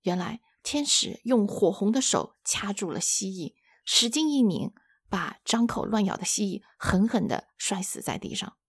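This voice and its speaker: A woman retells a book chapter in steady storytelling. Her voice is husky with gravelly fry, close and dry to the mic. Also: mid-range voice, moderate pace, no echo. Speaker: book-sharing host.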